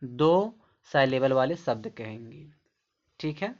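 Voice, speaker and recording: A teacher walks through a basic lesson and keeps repeating key points. The teacher asks rhetorical questions and answers them right away. The pitch sits mid-range, and the recording is a little dull and lo-fi. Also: lively intonation, takes it slowly, darkish tone. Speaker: English teacher. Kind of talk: classroom-style explanation to camera.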